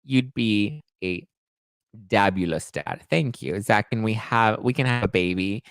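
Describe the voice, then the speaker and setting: A man's voice: on the low side, expressive, a little slow, fairly bright tone, smooth, dry recording. A man in his late twenties hosting a live stream, reading viewer comments aloud and answering them in a candid, chatty way. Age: 20s. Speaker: podcast host reading live chat. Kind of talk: casual live-stream chat.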